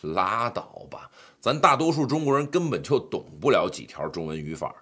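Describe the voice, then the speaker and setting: A man's voice: mid-range voice, sing-song, moderate pace, bright, forceful tone, breathy edge. A middle-aged man narrating a pronunciation lesson, joking with the viewer in playful asides. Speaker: English pronunciation teacher. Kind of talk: scripted lesson voice-over.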